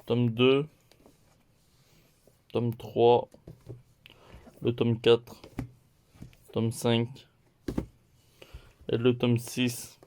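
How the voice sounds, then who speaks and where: A man slowly walks through his weekly manga haul in a relaxed vlog, listing volumes one at a time. His voice sits at an ordinary pitch, and his pace is unhurried. He jokes about his own slip-ups as he goes. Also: clean tone. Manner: slow, listing titles one by one; playful, laughs at own mistakes. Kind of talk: casual haul video chat.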